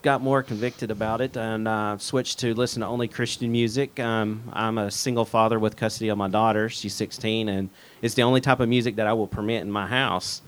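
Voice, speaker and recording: A man's voice: on the low side, fairly even intonation, fairly quick, hardly any pauses, a bit bright, clean tone. A middle-aged man, a guest chatting in an interview with many fillers and restarts. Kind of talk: casual interview chat.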